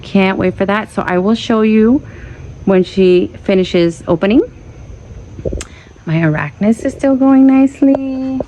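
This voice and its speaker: Casting: female plant-vlog host, relaxed warm timbre, medium pitch, effusive casual Spanglish delivery, recorded outside over noticeable ambience. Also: measured pace, pauses often, poor audio. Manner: Spanglish, slipping Spanish words into English. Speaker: host of an orchid-growing vlog. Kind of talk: casual chat to viewers, showing plants. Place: outdoors in an orchid pergola. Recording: clear ambient outdoor background noise.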